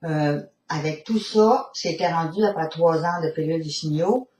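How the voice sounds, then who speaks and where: A woman's voice: low voice, moderate pace, darkish tone. A woman with a Québécois accent giving a hesitant, filler-filled testimonial, recorded from a distance in a roomy space. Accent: Québécois French. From Quebec. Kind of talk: spoken testimonial.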